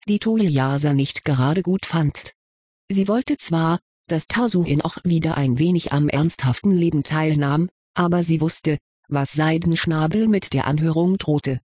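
Husky, dry-voiced story narrator. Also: medium pitch, a little slow, darkish tone, dry recording. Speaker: audiobook narrator. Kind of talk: scripted narration of fan fiction.

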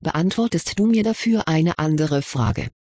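A reader voicing a curious, kindly male wizard professor in an audiobook, questioning gently with mild amusement. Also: medium pitch, animated, a little slow, no echo, clean studio sound. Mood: probing. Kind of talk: audiobook character reading.

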